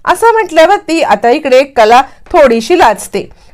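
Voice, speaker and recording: Her voice is high and her pace measured as this narrator walks through a TV serial episode in casual fashion. The storytelling stays lively, and she performs each character's quoted lines herself.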